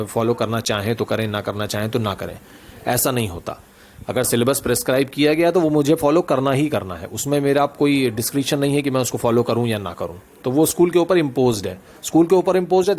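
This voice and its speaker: Guy lecturing, mid pitch, hindi and mixed, slow on the bits, bit of background hiss. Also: darkish tone. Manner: explains in Hindi mixed with English, reads definitions out slowly. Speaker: teacher. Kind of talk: classroom lecture.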